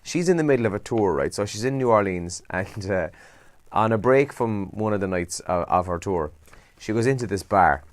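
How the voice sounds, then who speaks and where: A man's voice: lowish voice, animated, normal speed, no echo. A man with a Kerry Irish accent hosting a breakfast radio show, chatting casually through the morning papers with asides and rhetorical questions. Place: radio studio.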